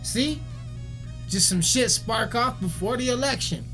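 A man's voice: very high voice, lively intonation, unhurried, a bit bright, soft background music. Heated, foul-mouthed man ranting. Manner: heated, swears constantly, repeats himself. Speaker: musician ranting on camera. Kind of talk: profane video rant.

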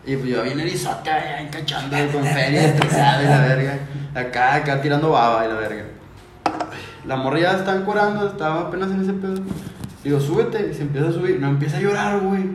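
A man's voice: on the high side, a little fast, echoey room, slight background noise. Slangy Mexican man telling a story. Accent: Mexican Spanish. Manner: slangy, crude, keeps saying "güey" and "total". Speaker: podcast guest. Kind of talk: casual storytelling. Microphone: podcast mic.

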